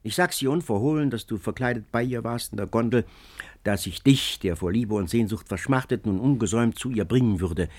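A man's voice: fairly low pitch, a little fast, a little mellow, natural voice. A man voicing a scheming, cackling old woman servant in an audiobook, telling her tale breathlessly and dramatically. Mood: wheedling. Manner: breathless, wheedling, dramatic storytelling. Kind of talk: audiobook character reading.

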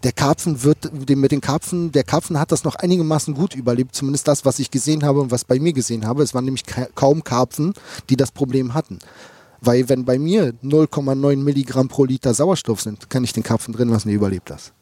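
A man's voice: medium pitch, fast, warm tone, slightly rough, dry recording. A fish farmer talking casually in an interview, rambling and repeating words as he thinks aloud.

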